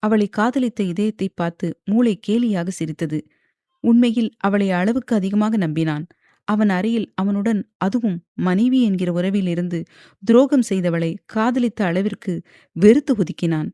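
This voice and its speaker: A woman narrating a romance novel as an audiobook, with even, steady storytelling. The voice sits in the middle of the range and is recorded close and dry. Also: medium pitch, measured pace, no room sound. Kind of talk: scripted narration.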